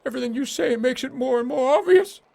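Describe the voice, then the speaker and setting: A man's voice: a little high, expressive, unhurried, darkish tone. A man voicing a squat, ugly, fearful fortune-teller creature in a game, hesitant and evasive, repeating himself plaintively. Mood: panicked, pleading. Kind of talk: game character dialogue read aloud.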